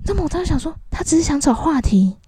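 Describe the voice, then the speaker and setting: A woman's voice: high voice, very animated, quick pace, warm tone, dry recording. A woman with a Taiwanese Mandarin accent hosting a podcast, venting in a casual rant and slipping into voices to quote people. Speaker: podcast host. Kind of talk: casual ranting monologue.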